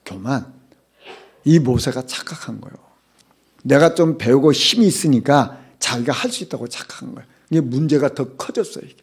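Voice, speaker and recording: A middle-aged man preaching a sermon as pastor, emphatic, putting rhetorical questions to the congregation and swinging between loud and hushed phrases. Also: medium pitch, a little fast, slightly rough.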